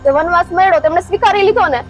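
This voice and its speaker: A woman's voice: very high-pitched, very fast. A young woman argues back and pleads. Faint music plays behind her lines in this village drama. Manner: protesting, pleading. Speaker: daughter-in-law. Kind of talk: village family drama acting.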